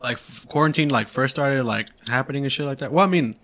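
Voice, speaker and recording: A man's voice: mid-range voice, quick pace, fairly bright tone. A man on a casual podcast chatting in slang with laid-back interjections. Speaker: podcast co-host. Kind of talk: casual chat.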